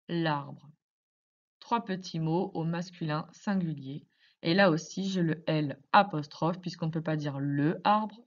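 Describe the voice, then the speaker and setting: Lady teacher talking real slow to little kids, lowish voice, kinda muffled lo-fi sound. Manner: slow, careful teacher talk with many questions. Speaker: primary school teacher. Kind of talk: recorded grammar lesson for young children.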